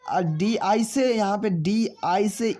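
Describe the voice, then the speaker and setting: A man teaching a spelling lesson, spelling names out slowly letter by letter and answering his own questions as he addresses viewers as friends. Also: sits high, warm tone.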